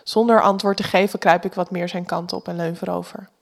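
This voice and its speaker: A woman with a Dutch accent giving calm, intimate first-person story narration. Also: on the low side, fairly quick, vocal fry.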